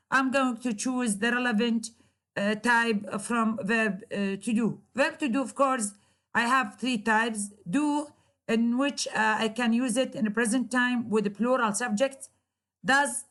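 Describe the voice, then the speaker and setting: Woman lecturer, slightly high voice, halting delivery full of fillers, repeats examples slowly. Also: a bit bright. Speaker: university lecturer. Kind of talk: grammar lecture.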